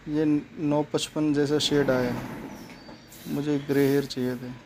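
A man's voice: fairly high pitch, flat delivery, a little slow, noisy background. A man talking through a hair coloring job step by step in a plain, explanatory way. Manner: plain, explanatory, repeats steps. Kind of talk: step-by-step salon tutorial narration.

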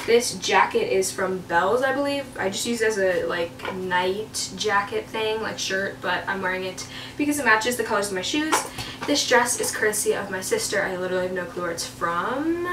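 A woman's voice: medium pitch, normal speed, background noise. A young woman chatting casually as a vlogger into a handheld camera. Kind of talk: casual vlog chat. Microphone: handheld camera, sometimes at a distance. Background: music.

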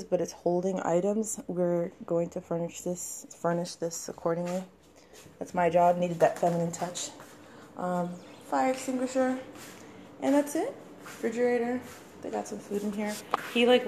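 A woman's voice: mid-range voice, mellow, slight background noise. A young woman vlogger giving a casual walking tour of her apartment, rambling with lots of "like" fillers, filmed on a handheld phone. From Washington DC area. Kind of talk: casual house tour vlog. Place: apartment indoors, walking room to room. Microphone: handheld phone camera.

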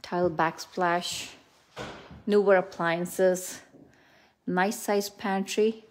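A middle-aged real estate agent speaks extremely slowly, her fairly low voice keeping a fairly even intonation. Handheld phone in hand, she walks through a house indoors, giving an informal, unrehearsed tour with upbeat praise for the features.

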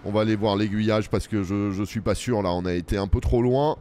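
A man with a fairly low, warm voice and fairly even intonation narrates his gameplay a little fast, with slight background noise behind him. As a let's play host, he mutters casual remarks to himself and throws self-mocking comments to his viewers.

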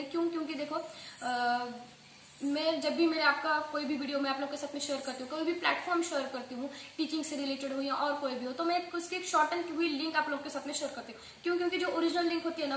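A woman hosting an online earning tutorial, talking quickly and casually to her viewers and dropping English phrases into her speech. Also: sits high, a bit bright. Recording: echoey room with faint background noise.

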